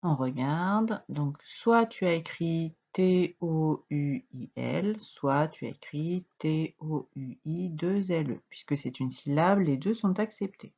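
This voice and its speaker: A woman teacher with a French accent, giving a slow, patient reading and dictation lesson to a young child and spelling out letters. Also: sits low, dark tone, slightly rough, highs cut off. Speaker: primary school teacher.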